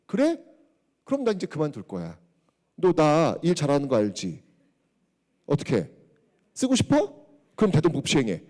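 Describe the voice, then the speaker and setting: A man's voice: on the high side, huge pitch swings, moderate pace, pauses often, a little mellow. A man voicing a bold elderly male minister who bargains with his king in a cheeky, taunting way.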